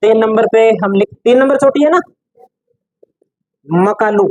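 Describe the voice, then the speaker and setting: Male teacher dictating notes slowly. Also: sits high, darkish tone, low-quality recording. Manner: repeats key phrases slowly for note-taking. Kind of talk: classroom lecture dictating notes.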